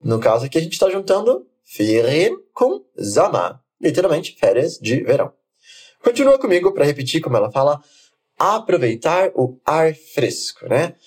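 A man teaching German, saying phrases slowly for the learner to repeat and then explaining them quickly. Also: a little high, very animated, a little mellow. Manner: slow, deliberate model phrases alternating with quick explanations. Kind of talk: language lesson with repeat-after-me drills.

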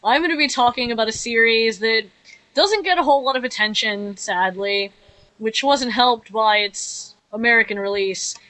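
A woman co-hosting a podcast, giving her opinions in a measured, analytical way during a casual review discussion. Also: fairly high pitch, pushed and bright, rough recording. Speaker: podcast co-host.

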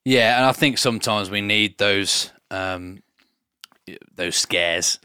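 Low-voiced relaxed male podcast host. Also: slow, clear, resonant tone, no room sound, clean studio sound. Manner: relaxed, swears casually, jokey. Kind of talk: casual podcast interview.

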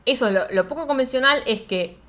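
A woman's voice: high voice, brisk, fairly bright tone. A woman with an Argentine accent retelling a film scene by scene in casual, slangy chat, often laughing. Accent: Argentine Spanish.

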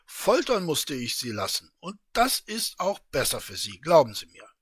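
A man's voice: fairly high pitch, huge pitch swings, moderate pace, slightly rough, no echo, studio quality, exaggerated voice. A man voicing a blustering secret-office chief. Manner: loud, scolding, sarcastic. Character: bullying, blustering male head of a secret office.

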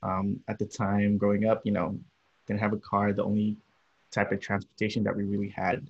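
Gravelly, husky young man, lo-fi. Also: lowish voice, moderate pace. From Los Angeles. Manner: relaxed, rambling, many fillers. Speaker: podcast guest. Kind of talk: casual interview. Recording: dull lo-fi audio.

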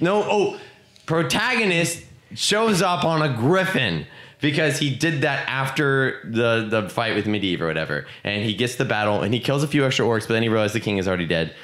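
A man's voice: lowish voice, echoey room. A man co-hosting a podcast, recapping a film in a loose, joking way and acting out the characters in silly voices. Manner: animated, laughing, acts out characters in silly voices. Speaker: podcast co-host. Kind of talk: casual movie recap.

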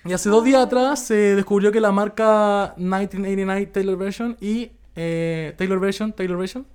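A woman's voice: medium pitch, moderate pace, a little mellow, clean tone. A young woman with a Chilean accent hosting a casual podcast chat, slangy, mixing English words into her Spanish. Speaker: podcast host.

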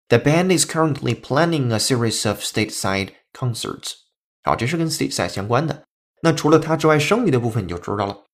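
A man hosting a podcast English lesson, explaining step by step and spelling words out letter by letter. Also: mid-range voice. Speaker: English teacher.

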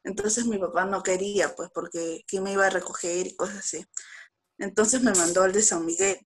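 A woman's voice: mid-range voice, slightly rough. A young woman with a Peruvian Spanish accent, telling a story to friends in casual chat and quoting herself as she goes. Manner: animated storytelling, quick bursts, quoting herself.

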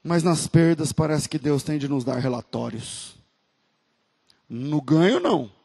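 A man's voice: on the high side, animated, a little slow, gravelly, warm tone, husky, long reverb tail. A man with a Brazilian Portuguese accent, preaching a sermon as pastor, emphatic and acting out voices of church members.

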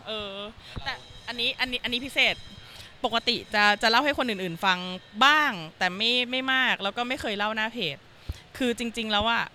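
A woman's voice: on the high side, moderate pace, bright, forceful tone, slight background noise. A woman guest telling her experiences in a chatty, rambling way, full of fillers. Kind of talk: casual conversation.

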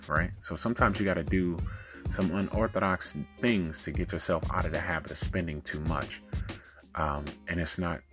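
A man hosting a casual self-help talk, giving advice in a monotone, laid-back, colloquial way. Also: low-pitched.

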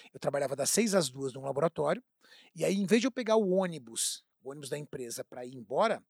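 A Brazilian man tells a personal story with emphatic, animated delivery. His voice is husky and sits a little high, and the recording is dry and close. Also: no room sound. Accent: Brazilian Portuguese. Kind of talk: storytelling in casual chat.

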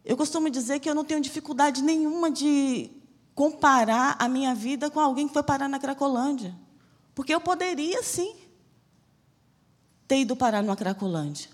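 Preaching as a missionary in a large church hall, this woman from Salvador, Bahia, Brazil delivers a fervent, emphatic sermon in slow, stressed phrases. Her voice sits high with lively intonation. Her accent blends Bahian Portuguese and Rio de Janeiro.

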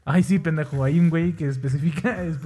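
A man's voice: a little high, fairly even intonation, brisk, dark tone. A young man with a Mexican Spanish accent in casual chat, swearing, joking and arguing between laughs. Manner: crude slang, laughing, argumentative.

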